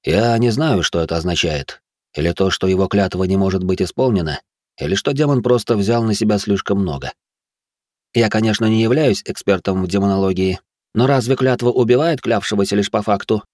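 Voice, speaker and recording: A man voicing a polished, learned male noble sorcerer who speaks in a slow, lecturing way. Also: fairly low pitch, darkish tone, no room sound, studio quality, lightly acted. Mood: measured.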